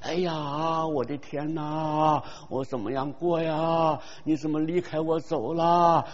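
A man's voice: on the high side, steady tone, takes it slowly. A man voicing a grieving rural widow who wails and pleads at her husband's coffin, in a dull recording with long hall reverb. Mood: wailing grief. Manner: wailing, pleading.

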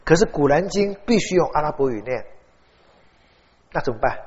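Animated storytelling preacher in a hall. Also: male voice, fairly high pitch, moderate pace. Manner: animated storytelling, acts out dialogue. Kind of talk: sermon. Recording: dull, long-reverb hall.

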